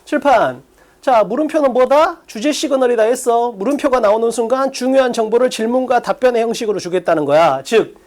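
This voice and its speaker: A man teaching an exam-prep English class, prodding his students with quick rhetorical questions. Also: extremely high pitch, darkish tone. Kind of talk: lecture.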